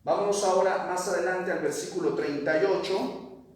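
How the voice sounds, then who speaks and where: Brief: male Bible teacher, high voice, quizzing the class, echoey room, mic well off. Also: moderate pace, recorded from a distance. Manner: asks the class questions, reads verses aloud. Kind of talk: Bible study lesson.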